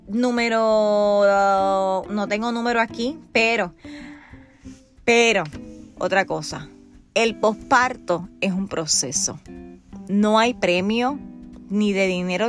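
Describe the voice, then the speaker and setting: A woman in her thirties with a Puerto Rican accent, hosting a podcast in a candid, chatty way that speaks straight to the listener. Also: medium pitch. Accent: Puerto Rican Spanish. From Puerto Rico. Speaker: podcast host. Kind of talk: casual podcast chat.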